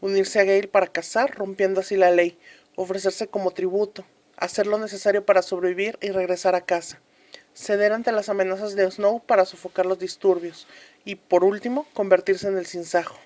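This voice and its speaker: In a scripted radio drama about a fictional republic, an actress plays a woman commentator reflecting on history in an earnest, reflective mood. She speaks solemnly and with emphasis, deliberately repeating phrases. Her mid-range voice is a little mellow, her delivery flat and lightly acted.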